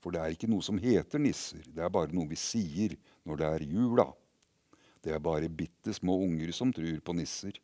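A man's voice: low voice, pitched below the performer's own voice, lightly acted. Man playing a kind, knowing girl. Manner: patient, knowing, gently teasing. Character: kind older girl looking after the boy.

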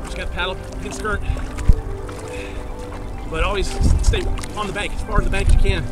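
Kayaker guy, high voice, laid-back tips, outdoor action-cam audio with loud music under it. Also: fast. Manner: relaxed, explanatory, giving paddling tips. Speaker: kayaking vlogger. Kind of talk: casual narration while paddling. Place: outdoors on a flooded river in a kayak. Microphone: action camera mounted on the kayak.

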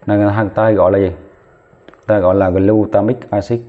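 A man gives a chemistry lesson at a whiteboard, talking as he writes, counting aloud, and correcting himself mid-step. His voice is on the low side with little pitch movement, he talks fast, and the tinny, phone-like audio carries slight background noise.

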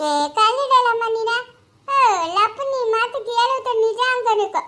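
A woman's voice: very high voice, steady tone, normal speed, pushed and bright. A woman playing a simple-minded young daughter who lisps and pleads earnestly in a family skit. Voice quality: lisping, childlike speech.

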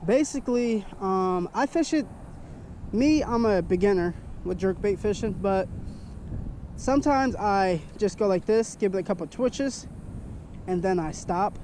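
A young man with a high, mellow voice talks to camera while fishing from a kayak. He speaks slowly and easily, hyped about the catch, with faint wind and water noise behind him. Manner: hyped, talks to viewers as guys. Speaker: fishing vlogger. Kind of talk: casual chat to camera. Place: outdoors on a kayak on a lake. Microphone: action camera.

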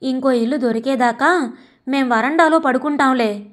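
Meek, soft-spoken old father, slow and humble, read by a woman narrator; story reading. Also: high-pitched, close to an everyday voice. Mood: gentle. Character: older father, gentle and humble.

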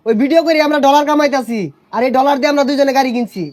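A man with a playing a young fellow making quick pleading retorts in a comedy sketch. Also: very high voice, fairly even intonation, a little mellow, dry recording. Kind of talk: rustic comedy sketch in dialect.

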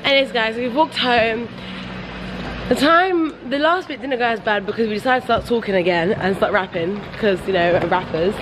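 A woman in her twenties chats playfully to a handheld camera at arm's length. There is clear ambient noise around her voice. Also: on the high side, normal speed. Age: 20s. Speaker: travel vlogger. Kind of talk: casual vlog chat. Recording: noisy handheld camera, street and room ambience.

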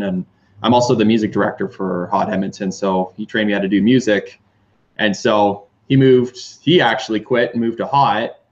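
A young man in his twenties, a radio DJ, chatting over a video call from his kitchen. He talks in an easygoing way, full of fillers. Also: fairly low pitch. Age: 20s. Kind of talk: casual video-call chat. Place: kitchen, indoors. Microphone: webcam on a video call. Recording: dull lo-fi call audio.

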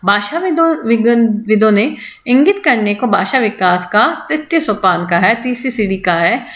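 A woman lecturer explaining a topic in a recorded lesson, going slowly, restarting words and imitating baby sounds as examples. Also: a little high, animated, a bit bright, echoey room. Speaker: college lecturer.

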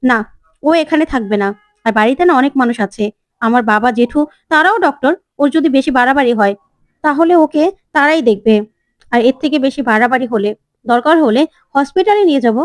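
Storybook young husband, firm and insistent, read by a woman; high voice. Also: brisk, no room sound, clean studio sound, close to an everyday voice. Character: young man, a new husband, stubborn and protective.

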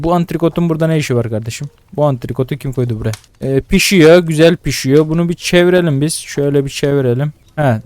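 A young man plays a cooking game and talks through it in a loose, excitable way, grumbling, swearing and scolding the customers as he goes. His voice sits a little high for a man. The sound is dry and close, with no room around it. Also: dry recording. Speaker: gaming YouTuber. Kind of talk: casual let's-play commentary.

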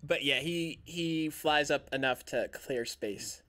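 A man serves as game master for a tabletop role-playing session, narrating combat in unhurried, loose phrases. His voice is bright and forward. He takes his time over each description. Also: a little high. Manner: relaxed, describing the action in loose, halting phrases.

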